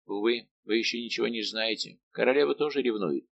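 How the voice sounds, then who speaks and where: A man's voice: mid-range voice, fairly quick, gravelly, muffled recording, close to an everyday voice. A man voicing a tormented, lovesick young king in an audiobook, pleading and anguished.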